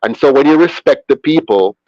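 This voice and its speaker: A man's voice: mid-range voice, animated, fairly quick, a little mellow, no echo. A man with a Jamaican accent speaks emphatically over a video call, repeating key phrases, his audio glitching and breaking up. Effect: glitchy, breaking-up internet call audio. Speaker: interview guest. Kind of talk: earnest political argument. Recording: dull, dry, lo-fi internet call.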